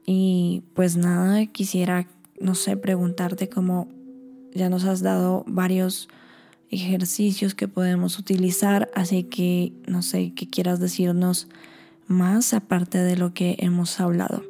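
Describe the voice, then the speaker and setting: Woman, podcast host, low dark voice, gravelly, very flat delivery, slow, hesitant questions. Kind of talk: casual interview chat.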